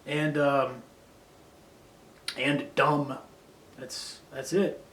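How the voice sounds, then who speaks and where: A man's voice: mid-range voice, level tone, very slow, a bit bright. A man delivering a rambling, profane, self-critical monologue, drifting between grudges and philosophy. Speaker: vlogger. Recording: roomy echo.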